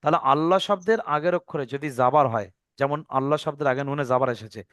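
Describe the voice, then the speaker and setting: A man's voice: fairly high pitch, lively intonation, fast talker, a bit bright, no echo, studio quality. A man teaching Quran recitation rules, explaining patiently and repeating each point. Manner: patient, repeats rules step by step, checks understanding. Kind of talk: online Quran reading lesson.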